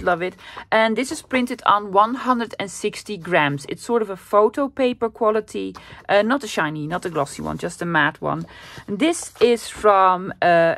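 A craft channel host from the Netherlands, speaking with a Dutch accent, runs a casual, chatty paper craft tutorial at her desk. She's self-deprecating and often pauses with fillers, in a mid-range voice on a dry recording.

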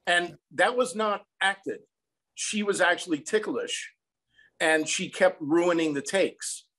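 A man with a high, slightly bright voice speaks slowly over a video call. He's an American in his sixties, a songwriter and film composer appearing as an interview guest, sharing anecdotes in a reflective, conversational way from a small room in his home.

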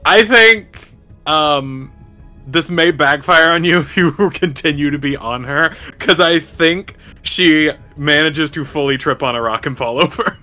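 A man's voice: on the high side, a little slow, pushed and bright, soft background music. A man chatting casually and informally as a player in a tabletop game. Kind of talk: casual chat.

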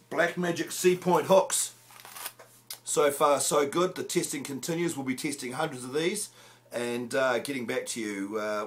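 A man, hosting a casual fishing gear review in a small room, chatty and jokey with lots of filler "uh"s. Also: mid-range voice. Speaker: fishing show host. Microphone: camera close up at arm's length.

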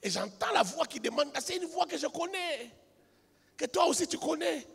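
Gravelly high-voiced preacher, echoing hall. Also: male voice, expressive, normal speed. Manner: storytelling quietly, then building to shouted, sung-out preaching. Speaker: pastor. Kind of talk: sermon. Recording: reverberant hall with music behind.

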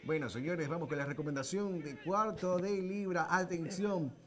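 A man's voice: on the high side, moderate pace. A man with an Ecuadorian accent presenting live football play-by-play as the lead announcer. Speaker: lead football announcer, reading sponsor mentions.

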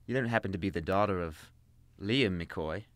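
A man's voice: low-pitched, moderate pace, no room sound, natural voice. A man playing a sarcastic demon hunter. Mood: dry sarcastic. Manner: dry, sarcastic.

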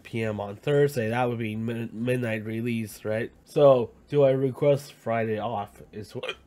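Slow-drawling sick young man gaming. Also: mid-range voice, mellow. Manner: laughs often, slow and drawling. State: sick with a drippy nose. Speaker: gaming channel host. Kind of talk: casual game-chat banter.

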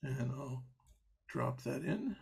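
His medium-pitched voice is slow, husky and a little mellow, with vocal fry and lively intonation. He's a software instructor walking through an audio programming patch step by step in a live online coding demo on a video call, with fillers and restarts.

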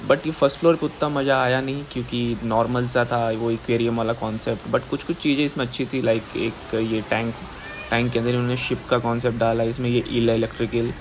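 A man's voice: mid-range voice, level tone, fast. A young man in his twenties casually narrating a travel vlog, talking loosely and straight to the viewers, filmed on a phone held at arm's length. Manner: chatty, loose and informal, addressing viewers directly. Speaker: travel vlogger. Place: outdoors at a hilltop temple and viewpoint, also indoors in a hotel and a mall. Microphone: phone camera at arm's length. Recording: loud outdoor noise behind the voice.

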